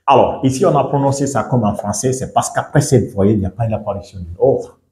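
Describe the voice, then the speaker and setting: A man from Guinea teaching a lesson, repeating each word slowly and often asking whether the listener understands. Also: medium pitch, a little mellow, roomy sound. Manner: repeats words slowly, checks understanding with questions. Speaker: English teacher. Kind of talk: bilingual classroom lesson.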